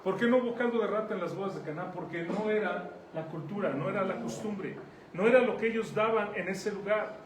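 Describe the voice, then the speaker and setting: Mexican pastor, high voice, conversational sermon, echoey hall, mic set back from him. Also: male voice, a little fast. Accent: Mexican Spanish. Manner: conversational preaching, asks the congregation questions. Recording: echoey room, mic at a distance, faint noise.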